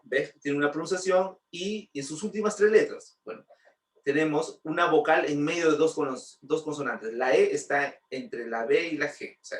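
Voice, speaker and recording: A man's voice: on the high side, far from the mic. Man teaching grammar, roomy sound. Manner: patient, repeats points, asks rhetorical checks. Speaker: English teacher. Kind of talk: explaining grammar lesson. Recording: roomy, voice from off-mic.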